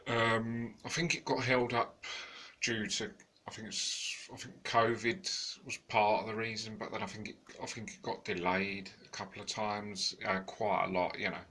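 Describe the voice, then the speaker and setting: A man with a deep voice reviews a film in an unscripted, meandering way. He restarts his sentences and leans on fillers, and he sounds tired. His tone stays bright and pushy despite the low pitch. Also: fairly even intonation, moderate pace. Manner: rambling, many fillers and restarts. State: tired, yawning. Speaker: home video reviewer.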